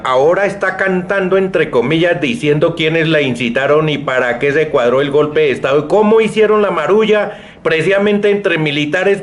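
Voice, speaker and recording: A man anchoring a radio newscast, editorializing emphatically and with indignation between reports. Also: a little high. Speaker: news anchor. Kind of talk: opinionated news commentary.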